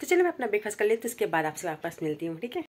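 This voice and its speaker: A woman's voice: mid-range voice, big pitch swings, racing. Chatty woman vlogging her daily routine. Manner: chatty, addresses viewers directly. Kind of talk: casual daily vlog narration.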